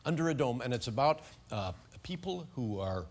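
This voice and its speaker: A man in his sixties, a late-night host delivering a comedy monologue with wry, loud punchlines on a live stage. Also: mid-range voice, very animated, moderate pace. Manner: wry joke-telling, loud bursts on punchlines. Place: theater stage before studio audience. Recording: live stage with crowd noise.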